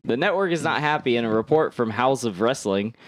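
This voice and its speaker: Male podcast co-host, mid-pitched, giggly, halting headline reads. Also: expressive. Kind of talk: casual podcast chat.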